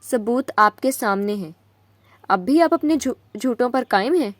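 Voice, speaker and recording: A woman voicing an injured young wife who shouts through tears, her voice pitched a little high and close and dry. She sounds wounded and defiant, set in a spoken romance novel. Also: expressive, no room sound. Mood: tearful anger. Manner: tearful and shouting. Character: angry young wife, crying, accusing her husband.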